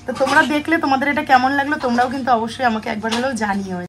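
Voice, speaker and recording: A woman's voice: sits high, rapid-fire, background noise. A woman in her thirties, a mother chatting casually to her viewers while vlogging on a phone, first out walking on a street and then at home. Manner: chatty, addresses viewers directly. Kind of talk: casual vlog narration to viewers. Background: background music.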